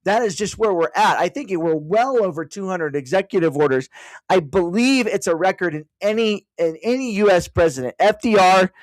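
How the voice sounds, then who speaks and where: The rough, low-quality recording carries no room sound as a high-pitched man talks expressively at a moderate pace. He is hosting a casual explanatory session at home for an online audience. He thinks aloud as he searches online and keeps slipping in "by the way" asides.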